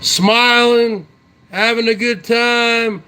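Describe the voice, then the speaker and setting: An extremely high-pitched man in his forties, the host of his own YouTube show, talks very slowly to viewers in a casual solo chat. His tone is bright, forceful and clean, his intonation fairly even, and he's brash and boastful, tagging lines with "huh?".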